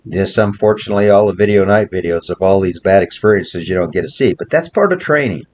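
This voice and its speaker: A man's voice: sits low, lively intonation, fast talker, a little mellow. A male horse trainer gives plainspoken commentary while working a horse outdoors in the snow, repeating short coaching phrases. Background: wind.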